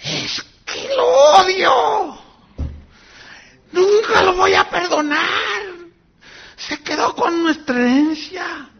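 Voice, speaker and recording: A woman's voice: sits high, normal speed, creaky, husky, lo-fi sound, pitched above the performer's own voice, heavily acted. A man voicing a bitter older woman who was cheated out of an inheritance, resentful and wailing.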